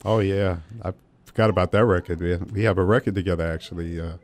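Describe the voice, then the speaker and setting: A man appearing as a guest musician on a radio show, answering in a relaxed, soft-spoken way that trails off quietly. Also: low voice, fast talker. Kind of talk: casual radio interview. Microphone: studio microphone.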